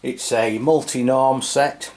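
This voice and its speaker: His pitch is medium and his intonation fairly even, delivered at a slow pace with a slightly mellow quality. The middle-aged English host of a radio review channel gives a casual product review, hesitant, rambling, and matter-of-fact.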